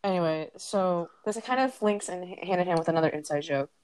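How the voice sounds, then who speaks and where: A woman's voice: fairly low pitch, brisk, a little mellow, clean tone, low-quality recording. A teenage girl co-hosting a casual podcast on a headphone mic, explaining inside jokes with dry teasing. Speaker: podcast co-host. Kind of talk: casual chat.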